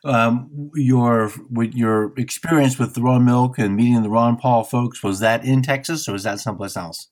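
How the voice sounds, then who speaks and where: A man's voice: medium pitch, steady tone, normal speed, hardly any pauses, darkish tone. A man hosting a casual interview, asking long rambling questions with many restarts. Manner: rambling, hesitant, restarts a lot. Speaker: podcast host.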